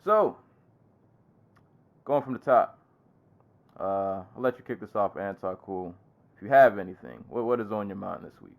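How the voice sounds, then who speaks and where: A man's voice: on the low side, expressive, normal speed, creaky, pauses often. A man co-hosting a podcast in casual chat. He talks in a laid-back way and laughs often. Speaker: podcast co-host.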